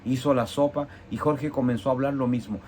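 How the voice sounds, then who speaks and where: Man, evangelical preacher, emotional testimony, hushed then emphatic, mid pitch, faint background hiss. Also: steady tone, a little fast. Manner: dramatic swings between hushed and emphatic.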